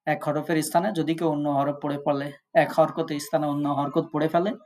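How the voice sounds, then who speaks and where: A man's voice: a little high, level tone, fast, a little mellow. A man teaching an online tajweed class. He explains step by step and sounds out Arabic letters to contrast them. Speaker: Quran recitation teacher.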